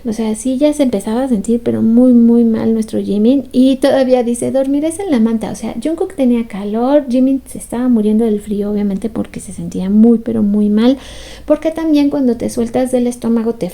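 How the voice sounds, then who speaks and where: A woman talks through a show recap in a casual, chatty way. Her voice sits a little high but sounds warm and mellow. She comes across as sympathetic, and she laughs easily. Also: fairly quick. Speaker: fan recap commentator.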